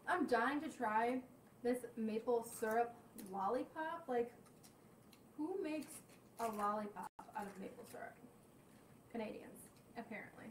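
A woman's voice: on the high side, unhurried, pauses often, recorded from a distance, a little hiss or hum. A young woman reviewing snacks for her vlog, chatty and candid as she tastes each one. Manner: chatty, candid reactions while tasting. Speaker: snack tasting vlogger. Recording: roomy echo, voice off-mic.

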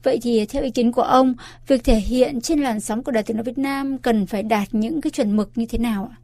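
A woman interviewing formally on Vietnamese state radio, speaking in measured, polite phrases. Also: a little high, mellow.

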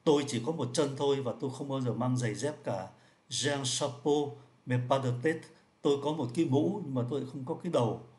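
A man's voice: mid-range voice, a little mellow. Patient man explaining French riddles. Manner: patient, repeats each point, slows down for French words. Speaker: French teacher.

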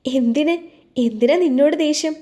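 A woman's voice: sits high, normal speed, natural voice. Poorvi, a woman voicing a heartbroken young woman. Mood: wistful. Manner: gentle, softly teasing. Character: young woman, wounded but teasing, hiding heartbreak.

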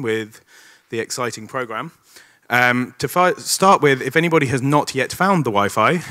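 A man's voice: mid-range voice, sharp tone. A man giving the opening words and housekeeping announcements at a conference, upbeat and lightly joking, speaking into a stage microphone in a large hall.

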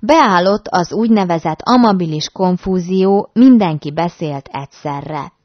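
Woman, audiobook narrator, measured storytelling, low pitch, dry muffled recording. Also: no echo. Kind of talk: reading a classic novel aloud.

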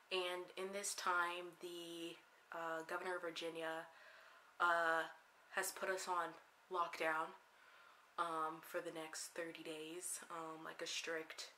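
A young woman rambling excitedly in a casual vlog, talking to her handheld camera. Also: lowish voice, slight background noise, poor audio. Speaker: vlogger. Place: bedroom, then a parked car.

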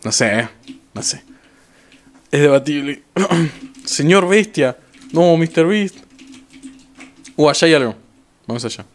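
High-voiced Argentine streamer, excitable and repetitive. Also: male voice, slow pace, pauses often. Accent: Argentine Rioplatense Spanish. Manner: excitable, repeats himself, chats to viewers. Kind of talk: live gameplay commentary.

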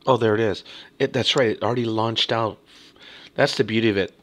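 A man casually talking through a strategy game as he plays, half muttering to himself, slightly hoarse from a cough. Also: lowish voice, steady tone, a little fast, fairly bright tone, a little hiss or hum. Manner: muttering to himself while playing. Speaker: gaming video host. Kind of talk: casual let's-play commentary.

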